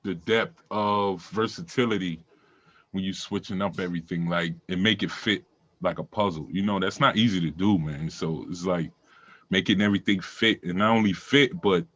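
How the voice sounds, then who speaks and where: A man's voice: sits low, normal speed, fairly bright tone. A man co-hosting a beat-making stream, chatting casually in a laid-back, slangy way over muffled lo-fi stream audio. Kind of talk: casual chat.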